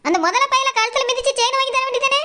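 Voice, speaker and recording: A woman's voice: extremely high pitch, racing. A woman with a southern Tamil Nadu dialect voicing a defiant, quarrelsome village woman in a cartoon, talking back sharply. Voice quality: sharp retorting. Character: defiant quarrelsome village woman who lost her chain.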